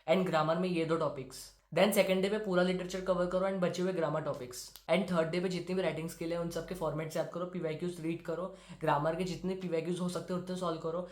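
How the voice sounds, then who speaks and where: Teen boy from India, quick and direct study-tips talker, echoey room. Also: high-pitched. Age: teens. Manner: brisk, direct, instructive. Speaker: student giving exam tips. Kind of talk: study-tips talk to camera. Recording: roomy echo.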